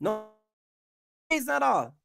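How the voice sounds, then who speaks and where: Speaking at an unhurried pace with a sing-song, medium-pitched voice, this YouTube trucking vlogger goes after his rivals in a casual, confrontational rant full of repetition and rhetorical questions. His tone is creaky but fairly bright. There's no echo, and the sound is clean studio quality.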